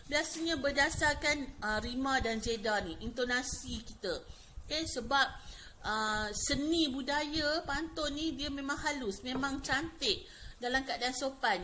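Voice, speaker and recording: A woman's voice: a little high, pushed and bright, slight background noise. A Malaysian woman teacher with a Malay accent giving a lesson to young pupils, chatty and full of fillers like "okey" and "ha". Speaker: primary school teacher. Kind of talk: classroom lesson explaining poetry.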